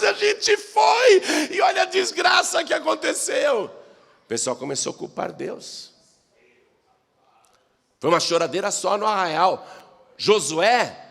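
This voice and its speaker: A man with a Brazilian Portuguese accent preaching a sermon, swinging from loud exhortation to hushed asides. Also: on the high side, creaky. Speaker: pastor. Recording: long hall reverb.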